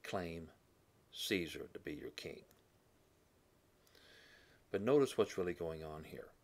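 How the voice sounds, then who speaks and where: Low gravelly male Bible teacher. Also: animated, slow pace, a little mellow. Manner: thinking aloud, with fillers and self-corrections; clears his throat often. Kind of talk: classroom Bible lesson.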